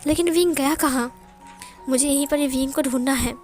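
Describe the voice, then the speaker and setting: A woman's voice: high-pitched, fairly quick, darkish tone, faint music behind, lightly acted. A woman voicing an earnest, anxious young man in a storybook reading. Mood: worried. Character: worried young man searching for a friend.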